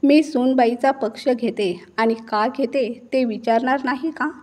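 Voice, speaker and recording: A woman voicing a wronged middle-aged mother-in-law who has turned defiant, speaking slowly and with emphasis. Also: a little high, warm tone. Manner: slow, emphatic dramatic delivery.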